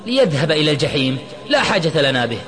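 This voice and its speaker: A man narrator voicing an angry, reckless young man who shouts and pleads in a dramatic audio story. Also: a little high, very animated, racing, in a large hall, faint music behind, voice pushed up. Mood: agitated. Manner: shouting, agitated.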